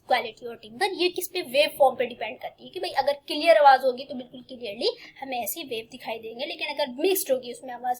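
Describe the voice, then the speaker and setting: A woman science teacher explaining a lesson to students patiently and repetitively, reading textbook lines slowly and then explaining them in her own words. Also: high-pitched, husky. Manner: reads English textbook lines slowly, then explains in Hindi with many fillers.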